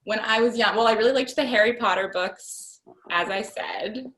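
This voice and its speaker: A young woman who writes for a magazine answers questions in a casual Q&A, chatty, informal and self-deprecating. Her voice is a little high and a bit bright at normal speed, and the low-quality recording sounds roomy.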